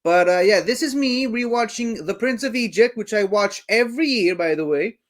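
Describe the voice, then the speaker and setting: A man's voice: high voice, moderate pace. A young man giving casual, rambling, enthusiastic commentary while rewatching a movie, often correcting himself.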